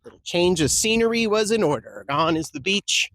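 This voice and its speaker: Relaxed, chatty male travel vlogger. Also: high-pitched, normal speed. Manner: relaxed, chatty, easily impressed. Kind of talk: casual travel vlog narration. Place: desert campsite and caves outdoors.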